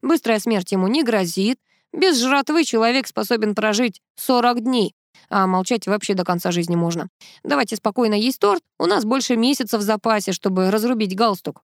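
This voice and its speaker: A woman reading the lines of a matter-of-fact young male computer expert who explains things calmly. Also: a little high, moderate pace, dry recording, studio quality. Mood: explaining. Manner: calm, explaining. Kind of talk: audiobook character reading.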